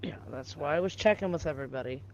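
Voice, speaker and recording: A woman's voice: low voice, fast talker, a little mellow, muffled recording. A woman hosting a casual gaming stream, playfully hyping each player with mock-grand introductions. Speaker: stream host. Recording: faint background noise.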